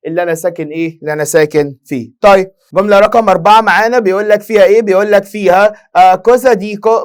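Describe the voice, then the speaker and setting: A young Egyptian man with an Egyptian Arabic accent teaching an exam-prep lesson, firing rhetorical questions at students and answering them himself. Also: high-pitched. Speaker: Italian language teacher.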